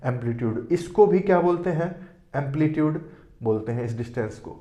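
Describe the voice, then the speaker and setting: A man's voice: fairly high pitch, lively intonation, brisk, warm tone, dull audio. A man teaching a board lesson who asks questions and answers them himself, often saying "theek hai". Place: classroom with board. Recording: echoey room.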